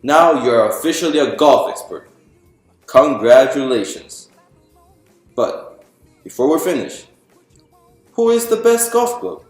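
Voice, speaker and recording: A man of medium pitch reads a picture book in a sing-song way, taking it slowly and pausing often. His explanatory narration poses questions to the audience and answers them. The sound is echoey, with music in the background.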